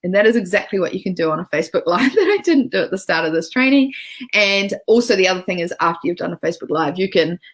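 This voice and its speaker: A woman's voice: on the low side, big pitch swings, fast talker, poor audio. A woman with a New Zealand accent giving a chatty live-streamed business training from home, with frequent ums and restarts. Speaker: business coach. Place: home, cat nearby.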